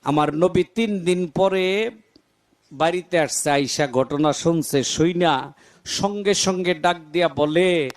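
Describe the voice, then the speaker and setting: Male preacher, high voice, colloquial storytelling sermon, dramatic rises and falls. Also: slow.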